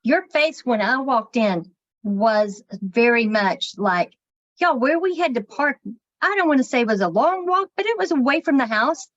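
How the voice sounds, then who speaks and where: A woman's voice: a little high, animated, normal speed, fairly bright tone, dry recording, muffled recording. A woman co-hosting a podcast, telling stories in casual chat and swearing now and then. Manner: chatty storyteller, swears casually. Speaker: podcast co-host.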